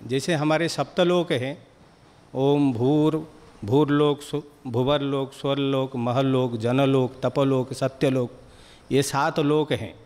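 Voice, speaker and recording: A man giving a spiritual discourse to a gathering, explaining patiently in short, measured phrases. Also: mid-range voice, darkish tone, big-room sound. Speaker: spiritual teacher.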